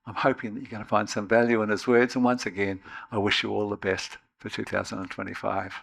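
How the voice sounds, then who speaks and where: A man hosting a video series, giving a measured, scripted introduction with friendly well-wishes. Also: on the low side, level tone, creaky, fairly bright tone, slight background noise.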